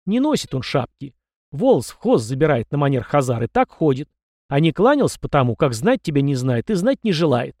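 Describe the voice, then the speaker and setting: A stern, barking army commander voiced by a man narrating an audiobook, lifting his voice high and loud to berate a foolish youth. The sound is close and dry, with no room around it. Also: very animated, brisk, no echo. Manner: barking, scornful, raises voice. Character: gruff middle-aged male army commander, stern scolding mentor. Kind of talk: audiobook character voice.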